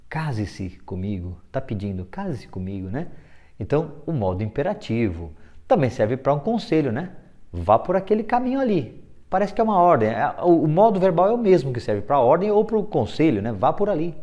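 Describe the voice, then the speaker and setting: Man teaching grammar, lively pitch. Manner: explanatory, checks in with listeners with frequent tag questions. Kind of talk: classroom-style grammar lesson.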